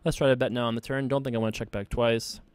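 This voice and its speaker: A man hosting his own poker series, thinking aloud in a relaxed, joking way while he plays hands online. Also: mid-range voice, quick pace, smooth, no room sound. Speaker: poker player and show host. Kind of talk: casual online poker commentary. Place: home desk setup.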